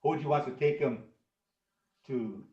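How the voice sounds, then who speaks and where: A man's voice: mid-range voice, measured pace, dark tone. A man playing a tabletop role-playing game, rambling as he searches for words. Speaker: player. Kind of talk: casual tabletop play. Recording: distant, roomy, lo-fi.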